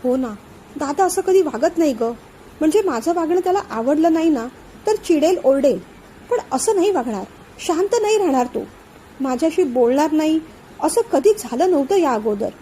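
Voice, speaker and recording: A woman reading a storybook voicing a worried, guilt-ridden young woman in love, speaking softly and anxiously. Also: sits high, animated, moderate pace, a little hiss or hum, rough recording. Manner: soft, anxious, pleading.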